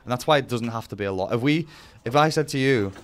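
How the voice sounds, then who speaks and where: A man's voice: medium pitch, fast talker. A man giving a casual explainer as a vlogger, talking bluntly with some swearing and self-deprecation. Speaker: vlogger presenting to camera.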